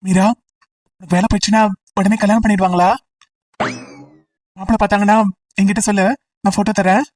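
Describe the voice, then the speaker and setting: A woman doing a cheeky young college guy, teasing and coaxing, fast talker, flat pitch, slightly far from the mic. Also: lightly acted. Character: teasing, persistent young male college student. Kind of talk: amateur audio drama.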